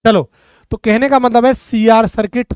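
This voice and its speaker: A man's voice: extremely high pitch, steady tone, normal speed, clear, resonant tone, dry recording. A man teaching a physics class online, calling students "beta" and explaining step by step in a conversational way.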